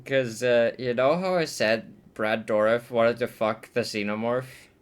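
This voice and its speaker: Male movie reviewer, slow-talking, foul-mouthed, exasperated ranter who flips between outbursts and mutters. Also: mid-range voice, smooth. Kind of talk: ranting movie commentary.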